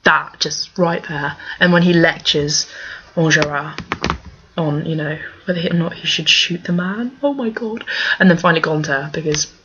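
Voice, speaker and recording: A young woman chatting casually as a fan answering questions, gushing and emphatic, with halting digressions. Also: low voice, level tone, sharp tone, a little hiss or hum. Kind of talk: casual chat to camera. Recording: dull lo-fi microphone.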